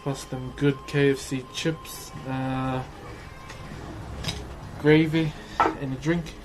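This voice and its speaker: A man's voice: mid-range voice, level tone, slow pace, over music, poor audio. A man with a broad New Zealand accent chats casually on a livestream as he works, in a laid-back, slangy, matey way. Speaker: livestream host. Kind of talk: casual livestream chat while working.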